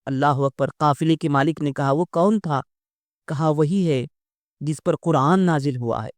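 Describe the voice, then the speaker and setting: A man's voice: on the high side, a little mellow, dry recording. A man giving a devotional storytelling speech, acting out the dialogue and reciting poetic couplets. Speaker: religious speaker.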